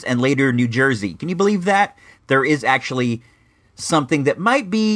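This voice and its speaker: A man's voice: a little high, fairly bright tone. A middle-aged man hosting a vintage toy show in a rambling, slangy, casual way with wry asides. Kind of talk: casual chatty retro toy review.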